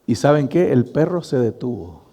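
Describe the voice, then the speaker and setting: A man's voice: mid-range voice, moderate pace. A middle-aged male pastor, preaching a sermon and telling a story to his congregation. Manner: storytelling, addressing the congregation as brothers, animated. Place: church hall. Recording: long reverb of a church hall.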